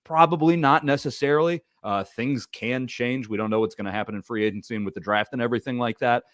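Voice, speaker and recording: A man talks sports on a casual podcast, circling his points with fillers and false starts. His voice sits at an everyday middle pitch, recorded dry and close with no room sound. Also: fast talker, a bit bright, dry recording. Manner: rambling, many restarts and fillers. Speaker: podcast co-host.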